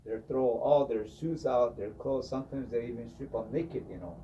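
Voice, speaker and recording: A man telling a traditional story in an animated way, often saying "you know". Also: medium pitch, moderate pace, dull audio, a little hiss or hum. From Hopi. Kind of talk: oral storytelling. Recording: distant mic with faint ambience.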